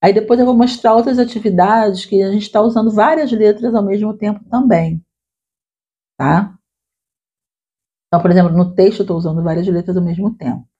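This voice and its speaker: Woman teacher with a husky, dull-sounding voice. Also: mid-range voice, fairly quick, dark tone. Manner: conversational, frequent "tá?" tag questions. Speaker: literacy teacher. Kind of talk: explaining classroom activities to teachers. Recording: dull lo-fi recording.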